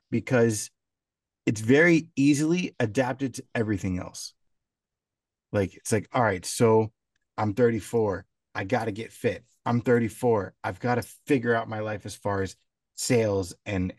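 A man's voice: on the low side, darkish tone, no room sound. A man in his thirties talking casually and with energy, repeating words for emphasis. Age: 30s. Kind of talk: casual chat. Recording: dry, a bit far from the mic.

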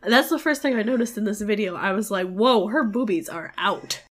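A woman with a mid-range voice co-hosts a podcast at a moderate pace, chatting casually in a frank, playful way. A cold leaves her sounding nasal and congested, and she records on a home mic.

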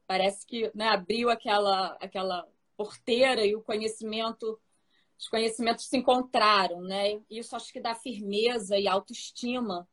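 A woman's voice: medium pitch, steady tone, normal speed, fairly bright tone. A woman with a Brazilian Portuguese accent, a mother in casual chat, often tagging her remarks with a questioning aside. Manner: conversational, tags remarks with "né?".

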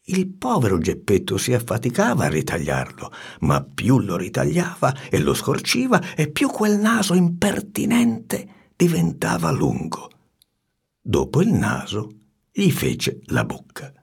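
A man reading a storybook aloud with an expressive, swinging delivery and hushed asides. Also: medium pitch, a little slow, gravelly, slightly rough.

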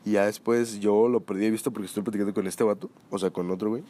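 A man with a Mexican accent telling a story in casual chat, slangy and animated, often swearing. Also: fairly low pitch, fast. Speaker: podcast co-host telling a story.

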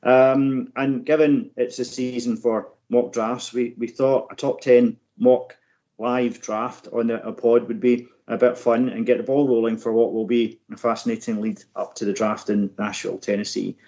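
A man hosting a sports podcast, talking off the cuff about the draft in halting, broken phrases full of ums. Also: medium pitch, level tone, mellow. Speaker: podcast host. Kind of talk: unscripted American football draft commentary. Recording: slightly dull, lo-fi podcast audio.

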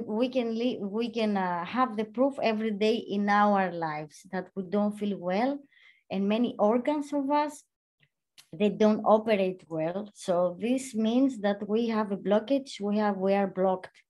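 A woman from Greece interviewing in casual conversation, with halting, repetitive non-native phrasing. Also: mid-range voice, a little mellow.

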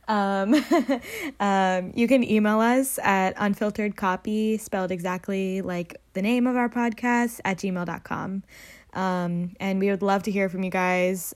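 A young woman co-hosts a podcast in a loose, conversational way. She rambles a little, fills gaps with um and like, and laughs easily. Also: medium pitch. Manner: chatty, laughs often, many fillers. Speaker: podcast co-host. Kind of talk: casual chat.

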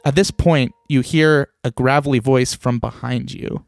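A man's voice: mid-range voice, steady tone, unhurried, creaky, dry recording. A man acting as game master, narrating a tabletop role-playing scene. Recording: background music under the voice.

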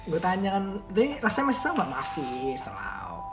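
A man's voice: sits high, very animated, brisk, echoey room, over music. A young man, co-hosting a podcast in teasing, laughing, casual banter. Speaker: podcast co-host.

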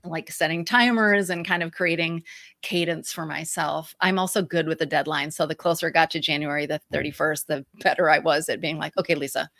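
A lowish-voiced woman talks in a twangy American Midwestern accent, recorded close and dry. She is a guest in a casual interview, speaking informally and with expressive emphasis. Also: brisk, no echo. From Michigan, US. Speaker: guest, author.

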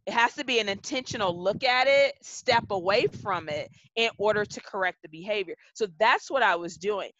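A woman guest on a podcast, telling a story from her work in a measured, reflective way and slowing down to stress her points. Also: mid-range voice, a bit bright, dry recording. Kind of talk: conversational interview storytelling. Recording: dull, dry lo-fi podcast audio.

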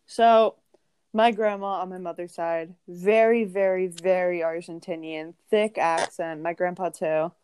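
A young woman co-hosting a podcast, telling a rambling, animated family story with frequent restarts and laughs. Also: lowish voice, unhurried, slight background noise. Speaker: podcast co-host. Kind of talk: casual chat, storytelling.

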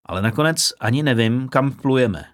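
A man's voice: mid-range voice, expressive, dry recording, studio quality, close to an everyday voice. A man reading an audiobook, voicing a grumpy young man who speaks sulkily and defiantly. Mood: sulky. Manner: sulky and defiant, flaring into curses. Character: grumpy put-upon young man sailor.

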